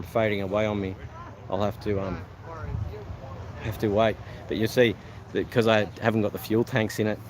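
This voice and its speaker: A low-voiced Australian man chats to his live-stream viewers outdoors, rambling and relaxed, full of ums and false starts. The phone audio picks up clear outdoor noise behind him. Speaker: live-streaming car enthusiast. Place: outdoor car show.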